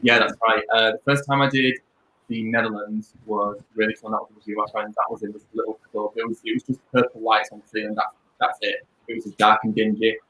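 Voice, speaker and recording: A man's voice: fairly low pitch, level tone, fairly quick, sharp tone. A young man, chatting upbeat and rambling as a DJ guest on a video call. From Leeds, England. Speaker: DJ and music producer guest. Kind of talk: casual interview chat. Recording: echoey room over video call.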